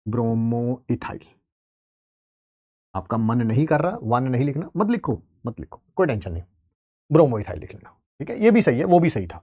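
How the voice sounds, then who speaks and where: Animated playful male chemistry teacher. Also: mid-range voice, normal speed, pauses often, slightly rough. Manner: playful, teasing students while writing on the board. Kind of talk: live online class, chatty explanation.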